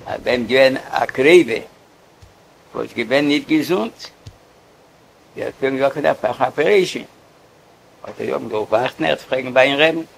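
A man telling a story casually, in a halting way, often repeating words. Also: medium pitch, vocal fry, slight background noise, poor audio.

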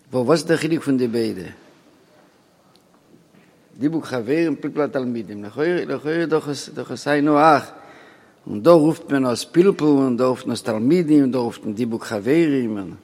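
A man telling a rambling personal story, halting with many restarts and pauses, sometimes dropping to a quiet mutter, with a long echoing reverb on the recording. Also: mid-range voice, animated.

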